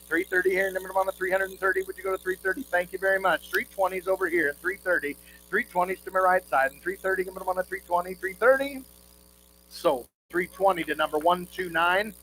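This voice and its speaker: A man's voice: sits high, fairly even intonation, fast talker, sharp tone, slight background noise, rough recording. A man working as an auctioneer, calling bids in a rolling, repetitive chant with folksy asides. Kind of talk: rhythmic auctioneer chant with repeated bid calls at a live quilt auction.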